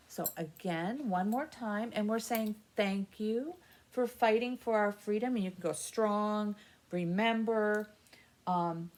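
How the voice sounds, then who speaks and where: A library story time host speaks to young kids in simple, encouraging words as she explains things. Her voice is medium-pitched and a little mellow.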